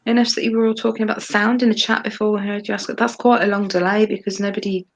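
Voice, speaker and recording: Woman co-host, flat gravelly delivery, rambling with ums, video-call audio. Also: medium pitch, fast talker. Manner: rambling, hesitant with many ums. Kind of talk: casual livestream discussion.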